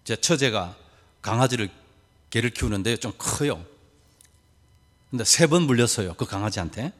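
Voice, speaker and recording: Pastor preaching with lively pitch. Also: male voice, normal speed, in a large hall. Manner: asks the congregation rhetorical questions, folksy humorous asides. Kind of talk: sermon.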